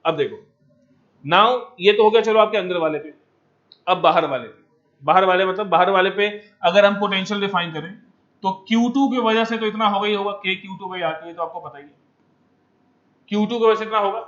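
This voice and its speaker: High-voiced man teaching a lively lesson. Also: a little fast, lo-fi sound. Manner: coaxing, keeps asking students to answer; mixes English terms into Hindi. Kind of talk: energetic physics lecture. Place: empty classroom.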